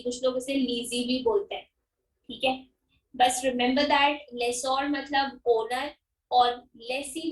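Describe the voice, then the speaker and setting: A woman teacher giving a finance lecture. She explains slowly, repeats key terms and keeps checking that everyone understands. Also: sits high, recorded from a distance. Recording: echoey room, speaker away from mic.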